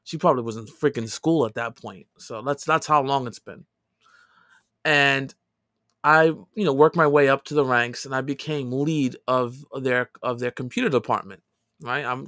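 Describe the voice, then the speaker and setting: A man in his thirties, a podcast co-host, telling a story in casual chat, animated and swinging from loud outbursts to quiet asides. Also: medium pitch, no echo, studio quality.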